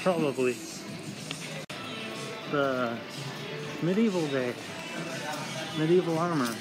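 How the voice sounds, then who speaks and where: A man's voice: a little high, slow pace, rough recording. A young man filming himself on a handheld phone, casually narrating as he wanders through an indoor flea market. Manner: rambling, offhand commentary while walking. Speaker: vlogger. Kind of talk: casual walking vlog. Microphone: handheld phone camera at arm's length. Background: loud background music.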